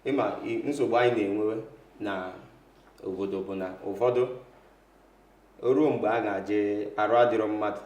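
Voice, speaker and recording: A Nigerian man with an Igbo accent speaks in a fairly low voice, explaining conversationally as an interview guest. He moves back and forth between Igbo and English. The room adds a noticeable echo. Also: fairly even intonation, normal speed, pauses often, darkish tone. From south-eastern Nigeria. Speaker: interview guest, real estate lawyer. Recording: echoey room.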